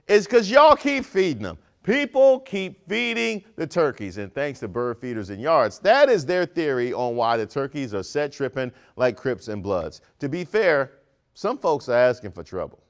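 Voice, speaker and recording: A man in his thirties from Maryland hosting a comedic news segment, wisecracking with animated punchlines in a studio. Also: a little high. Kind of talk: scripted comedic news commentary. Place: studio with brick wall set.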